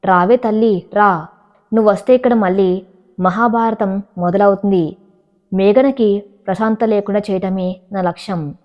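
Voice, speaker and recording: A woman's voice: mid-range voice, steady tone, normal speed, natural voice. A woman voicing a scheming, self-pitying old mother-in-law in an audio story, whining to her daughter. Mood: gloating. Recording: dull lo-fi recording.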